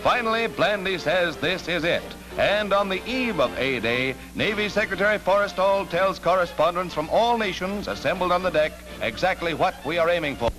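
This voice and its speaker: Male 1940s newsreel announcer, emphatic and animated, old newsreel soundtrack over loud music. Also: sits high, moderate pace, few pauses, poor audio. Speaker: newsreel narrator.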